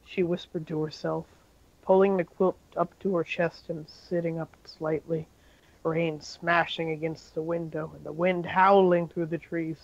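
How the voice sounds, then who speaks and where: A man's voice: on the high side, level tone, unhurried, highs cut off. A man reading a fan-fiction story aloud in an amateur style, with occasional slips and self-corrections.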